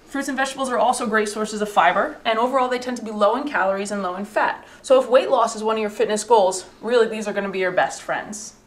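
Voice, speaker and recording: Fast-talking woman explaining nutrition. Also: medium pitch. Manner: clear, explanatory. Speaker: nutrition presenter. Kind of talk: instructional presenting. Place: supermarket produce aisle.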